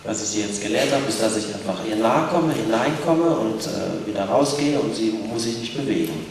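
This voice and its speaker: A man interpreting live for an audience in a large indoor arena, talking quickly with frequent hesitations. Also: on the low side, expressive. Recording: echoey arena, distant mic, noise.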